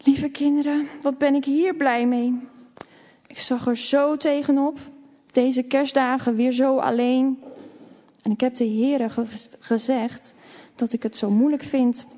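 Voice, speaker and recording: A woman's voice: sits high, fairly even intonation, a little slow, dark tone, in a large hall. A woman doing a lonely old neighbor lady. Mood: moved.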